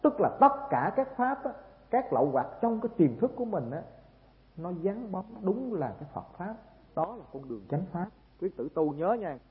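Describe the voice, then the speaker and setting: A man with a Southern Vietnamese accent preaching a Buddhist sermon, telling a story and often asking the listeners rhetorical questions. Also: sits high. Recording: tinny, echoey hall recording.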